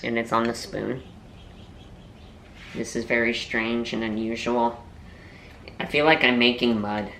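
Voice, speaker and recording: A man's voice: medium pitch, little pitch movement, a little slow, pauses often, fairly bright tone, a little hiss or hum. A young man and voiceover artist chatting casually to camera in a food-tasting vlog. He rambles and cracks playful self-mocking jokes. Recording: roomy echo.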